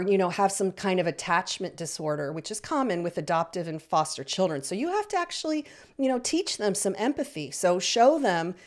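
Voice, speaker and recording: Middle-aged woman teaching parents, encouraging tone, keeps asking "okay?", medium pitch. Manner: encouraging, repeats points and checks in with "okay?". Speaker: parenting coach. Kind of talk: instructional talk to parents.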